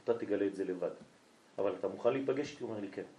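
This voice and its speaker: A man's voice: on the low side, mellow. A man, a rabbi, telling a story during a night lesson and acting out both sides of a conversation. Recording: echoey room.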